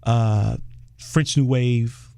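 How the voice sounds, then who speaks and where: A film director appears as a guest in a casual interview, telling a story with animation, laughing often and acting out quoted voices. His medium-pitched voice carries vocal fry, and he speaks extremely slowly. The studio-quality recording is dry.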